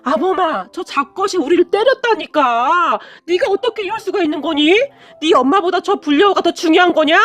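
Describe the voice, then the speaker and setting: A woman voicing a scheming older mother-in-law who screeches drawn-out accusations in a story reading. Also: high-pitched, animated, a bit bright, faint music behind. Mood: wailing.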